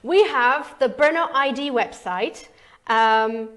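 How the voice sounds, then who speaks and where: A woman's voice: a little high, slow. A woman from the Czech Republic, an event manager and consultant, presenting a webinar with enthusiasm. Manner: enthusiastic, expressive. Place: online webinar.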